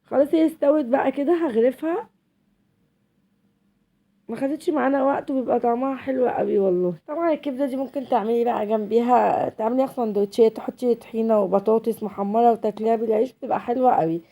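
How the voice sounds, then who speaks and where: Egyptian lady with a cold, talks quick and chatty, mellow voice, cooking show host. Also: fairly high pitch. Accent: Egyptian Arabic. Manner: chatty, addresses viewers directly. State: has a cold. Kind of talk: home cooking tutorial.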